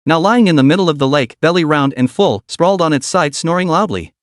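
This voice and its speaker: Lively male recap narrator. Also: a little high, fairly quick, no room sound, studio quality. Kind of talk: scripted narration of a comic recap.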